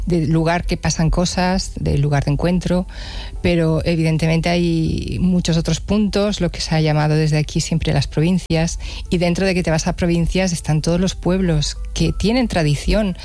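A woman's voice: fairly low pitch, steady tone, moderate pace, mellow, faint music behind. A woman jazz musician, a radio interview guest, speaking reflectively and stammering now and then. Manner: reflective, stammers on some words.

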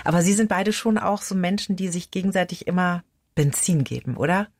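A woman's voice: on the low side, brisk, no room sound. A woman interviewing guests, prompting them with short questions and frequent affirmations. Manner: friendly prompting, many backchannels. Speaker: radio interviewer.

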